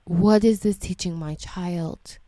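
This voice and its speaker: Woman, fed-up educator doing reaction commentary, mellow low tone, unhurried swearing rants. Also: no echo. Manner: indignant, profane ranting; repeats rhetorical questions.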